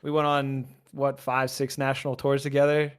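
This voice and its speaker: A man's voice: medium pitch, monotone, moderate pace, clear, resonant tone. A man hosting a casual podcast, upbeat and teasing. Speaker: podcast host. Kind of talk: casual chat.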